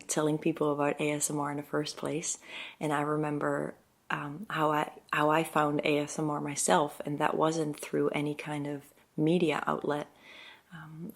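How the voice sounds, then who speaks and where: A young woman who makes ASMR videos, chatting softly and casually to her viewers with frequent hesitations. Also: low-pitched, vocal fry. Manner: soft, hesitant, many ums, light laughs. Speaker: ASMR creator. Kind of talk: soft-spoken casual chat to viewers.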